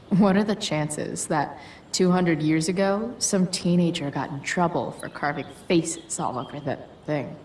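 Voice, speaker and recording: A woman's voice: on the low side, a little slow, a little mellow, slight background noise, lightly acted. A woman playing a sardonic, rebellious teenage girl in a video game, talking in sarcastic, casual slang. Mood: wry.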